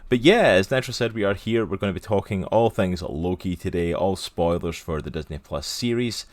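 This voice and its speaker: A man's voice: deep voice, moderate pace, no room sound. A man co-hosting a casual comic podcast, upbeat and greeting chat viewers by name. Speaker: podcast co-host.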